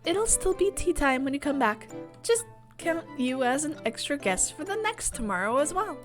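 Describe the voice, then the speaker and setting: A woman voicing a mad, teasing female Hatter in a visual novel, with a drawn-out theatrical delivery. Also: sits high, very animated, faint music behind, voice pushed up. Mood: breezy, giddy.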